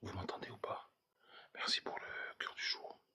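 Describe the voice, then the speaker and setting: A man whispering through a live stream from an abandoned building at night, greeting viewers and talking in a hushed, tense voice. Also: normal speed.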